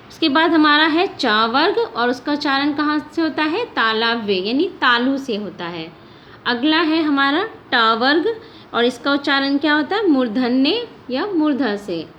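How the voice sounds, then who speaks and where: A woman teaching a grammar lesson for children, patiently sounding out each letter aloud. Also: high voice. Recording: slightly dull lo-fi audio with faint hiss.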